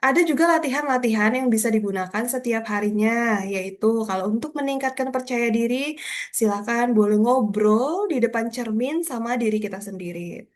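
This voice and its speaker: A woman with a high voice runs a beginners' public speaking class. She speaks to the room in an encouraging way, warmly addressing them as ladies and gentlemen. She reads example sentences and tongue twisters aloud to show the technique. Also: moderate pace. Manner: encouraging, addresses audience as Bapak Ibu and kakak-kakak. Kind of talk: workshop lecture.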